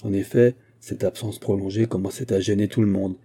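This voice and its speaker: A man reading a classic novel aloud in a measured, steady narration. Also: fairly low pitch, husky. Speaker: audiobook narrator.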